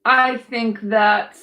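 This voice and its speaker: A young woman streaming live, talking bluntly and casually with lots of swearing and slang, hoarse and clearing her throat as she loses her voice. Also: on the high side, muffled recording. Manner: blunt, profane, laid-back slang. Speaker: tarot streamer. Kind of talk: casual livestream chat.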